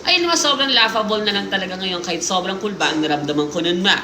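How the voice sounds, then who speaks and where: A woman hosting a live stream, reading listener stories aloud in lively mixed Tagalog and English, with jokes and asides. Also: mid-range voice, quick pace, noisy background. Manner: animated storytelling, Taglish, jokes and asides. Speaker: livestream host. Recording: roomy sound with music playing behind.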